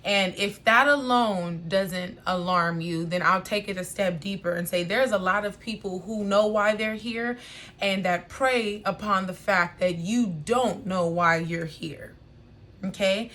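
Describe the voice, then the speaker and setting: A woman's voice: medium pitch, pushed and bright. An American woman speaking informally to viewers as a spiritual guide, in an emphatic, exhorting and familiar way, repeating phrases and checking in with her listeners. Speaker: spiritual reader and online guide.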